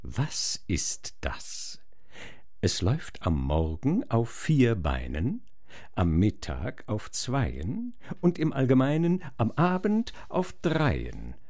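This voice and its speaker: A haughty she-sphinx taunts her victim in rhymed verse, as a man puts her on. The voice swoops lively through its pitch while the delivery stays unhurried and theatrical. It is a comic stage performance. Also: heavily acted. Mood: taunting. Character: haughty female riddling sphinx monster.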